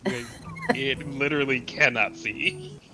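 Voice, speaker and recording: A man's voice: mid-range voice, unhurried, background noise. A man playing in a tabletop game, hesitant, laughing easily. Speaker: player.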